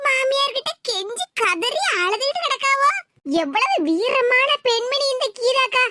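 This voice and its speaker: A woman voicing a chattering, mocking young village wife with a Tirunelveli accent in an animated cartoon. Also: extremely high pitch, measured pace. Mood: gossipy. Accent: Tirunelveli Tamil. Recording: hissy home recording.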